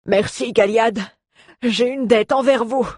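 A reader voicing an injured male dwarf in an audiobook, talking loud and strained in a high voice. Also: unhurried, dry recording, clean studio sound, close to an everyday voice. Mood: weary. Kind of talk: audiobook character voice.

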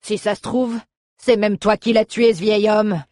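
A woman's voice: medium pitch, steady tone, unhurried, a little mellow, no echo, clean studio sound, pitched above the performer's own voice, close to an everyday voice. A woman voicing a burly male butcher who mocks and bullies a girl, in a sneering way. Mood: mocking. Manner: sneering, mocking. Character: fat burly male butcher, mocking bully.

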